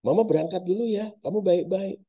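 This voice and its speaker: A man voicing a deceiving spirit that poses as a dead mother, speaking in a high pleading voice. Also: a little fast, warm tone. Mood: tender. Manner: coaxing then raging, high voice.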